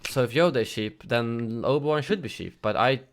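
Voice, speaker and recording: Hosting a gaming news livestream, a man chats casually and answers viewers' messages, leaning on frequent fillers and correcting himself. His voice sits mid-range and moves a little fast.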